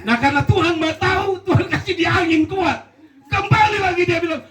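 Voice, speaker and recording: A man, a pastor, giving a humorous funeral sermon with lively, chuckling storytelling. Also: extremely high pitch, fairly quick. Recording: echoey hall, distant mic.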